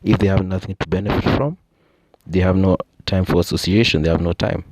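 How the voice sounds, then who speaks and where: Low-voiced Kenyan man explaining. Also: steady tone, brisk, background noise. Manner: explanatory, frequent "you know" and "I think" asides. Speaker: podcast host. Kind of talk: casual monologue.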